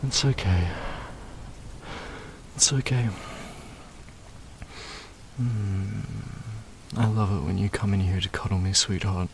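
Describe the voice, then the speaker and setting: A man speaking softly in a comforting audio roleplay, soothing and murmuring, with frequent sighs and hums. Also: lowish voice, fairly even intonation, takes it slowly, pauses often, a little hiss or hum.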